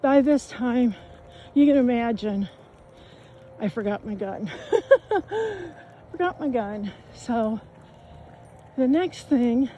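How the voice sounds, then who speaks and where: A woman talks as she walks along an outdoor trail, a little out of breath, her story loose and colloquial and full of fillers. Her voice sits fairly high but sounds mellow, and she takes her time. Faint outdoor noise hangs behind her. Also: expressive, slow pace, long pauses, lo-fi sound. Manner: rambling, colloquial, with frequent fillers and laughs. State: out of breath from walking. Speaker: vlogger telling a camping story. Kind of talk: casual storytelling while walking outdoors.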